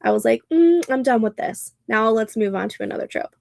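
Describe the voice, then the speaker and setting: Nasal and congested, this livestream host in her thirties chats away, laughs a lot and reads viewers' comments out loud. Her voice is on the high side and darkish, with vocal fry and animated delivery at a moderate pace, and the studio sound is clean with no room sound.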